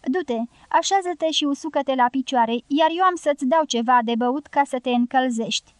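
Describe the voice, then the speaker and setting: A shy young girl with a soft, eager voice, lifted high and bright, as a woman reads her. She speaks in a caring tone. The reading sounds dry and close. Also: no echo, lightly acted. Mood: tender.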